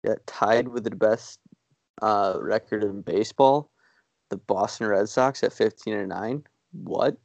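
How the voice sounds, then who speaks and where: A man co-hosting a podcast, chatting casually about sports in a rambling, self-deprecating way with halting restarts. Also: fairly low pitch, vocal fry, a little mellow, dry recording, lo-fi sound. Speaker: podcast co-host.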